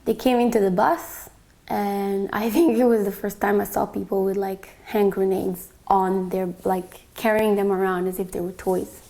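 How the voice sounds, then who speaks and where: A young woman from Bosnia recounts her own story in a quiet, reflective way, pausing often on small fillers. Her mid-range voice carries a gravelly fry at the ends of phrases. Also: medium pitch, fairly even intonation. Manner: reflective, soft-spoken, with frequent fillers. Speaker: interviewee. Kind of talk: personal testimony.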